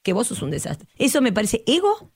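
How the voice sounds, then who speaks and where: A woman's voice: fairly high pitch, brisk, slightly rough, dry recording, studio quality. Emphatic Argentine woman therapist. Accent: Argentine Spanish. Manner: emphatic, passionate, lively acted-out quotes. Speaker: guest therapist. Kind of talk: podcast conversation.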